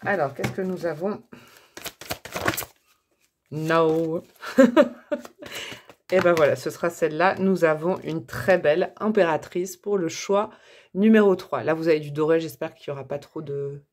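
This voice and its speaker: A woman's voice: low-pitched, a little fast, a little hiss or hum. A French woman chats her way through a tarot reading for her channel's viewers. Her talk is loose and friendly, with fillers, restarts and little asides. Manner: chatty, warm, many fillers and self-corrections. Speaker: tarot reader and channel host. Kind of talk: casual tarot reading to camera.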